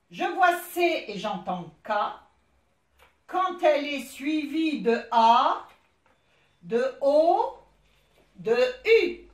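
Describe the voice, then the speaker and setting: Brief: female primary teacher, high voice, very slow and deliberate, spelling out each letter; echoey room. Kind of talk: recorded classroom lesson.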